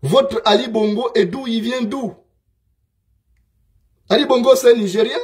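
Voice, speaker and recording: A man speaks in a high voice. He delivers a scornful political monologue and hammers his points home by repeating them. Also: unhurried. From Gabon. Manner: scornful, emphatic, repeats himself.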